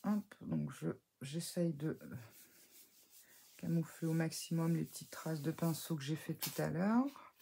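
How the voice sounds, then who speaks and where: Chatty woman with a gravelly, husky voice. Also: deep voice, unhurried, mellow. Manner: chatty, hesitant, full of fillers and self-corrections; talks while working with her hands, self-mocking. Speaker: scrapbooking crafter. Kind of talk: casual craft tutorial.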